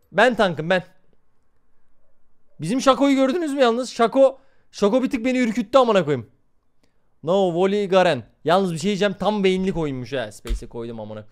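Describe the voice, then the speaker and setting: A young man streaming a game live, swearing constantly and talking to his chat. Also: sits high. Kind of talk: live gameplay commentary.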